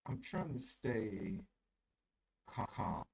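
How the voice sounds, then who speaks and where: A man co-hosting a sports talk show, weary and halting, heard through muffled, low-quality connection audio that sounds underwater. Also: big pitch swings, creaky, a little mellow, breathy edge. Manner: weary, exasperated, halting with many restarts.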